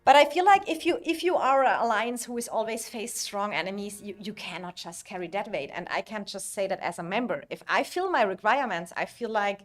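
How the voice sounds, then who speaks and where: A woman's voice: medium pitch, expressive, fairly quick, hardly any pauses, fairly bright tone, soft background music. A woman who is not a native English speaker, chatting casually as a livestream host, searching for words as if translating in her head. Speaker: livestream host and alliance member. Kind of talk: casual livestream chat about a strategy game.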